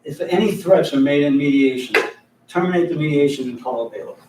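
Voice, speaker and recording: A man's voice: on the high side, brisk, noisy background. A man giving an informal mediation training lecture to a group in a room, telling anecdotes and chuckling between his points. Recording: echoey room, mic far off.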